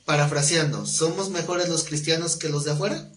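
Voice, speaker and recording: A man's voice: on the high side, steady tone, a little fast. A man teaching an exegetical Bible class. He talks colloquially, jokes, and keeps asking the class questions. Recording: echoey room with faint background noise.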